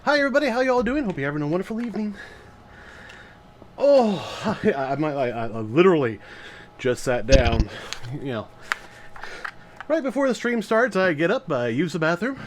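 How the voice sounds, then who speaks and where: A man talks casually to his live-stream audience in a fairly high voice. His delivery is animated and swoops around in pitch, rambling with plenty of laughs as he chats between games. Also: normal speed, pauses often, a little hiss or hum. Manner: chatty and rambling, laughs often. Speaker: streamer host.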